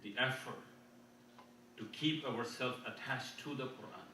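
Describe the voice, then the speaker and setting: In a very echoey mosque hall, a man gives a sermon for an Islamic conference, the mic placed well away from him and a faint background noise present. His mid-range voice comes across pushed and bright. With earnest delivery, he repeats himself, restarts lines, and recites Arabic verses fast.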